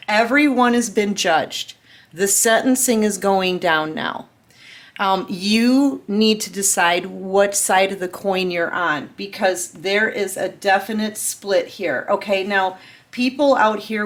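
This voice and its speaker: A woman in her fifties giving a tarot reading to her viewers, earnest and personal, often checking in with "okay?" and "right?". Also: medium pitch. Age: 50s. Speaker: tarot reader. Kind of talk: casual spiritual reading to camera.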